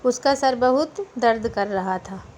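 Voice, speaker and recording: Woman reading a novel out loud, steady, kinda high voice, bit of hiss. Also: unhurried. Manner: steady, plain narration. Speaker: storyteller.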